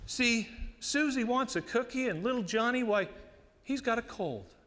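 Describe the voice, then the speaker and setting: A man with an American West cowboy twang recites cowboy poetry in a folksy drawl with dramatic pauses. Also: extremely high pitch, expressive, fairly bright tone. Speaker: cowboy poet. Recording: reverberant hall.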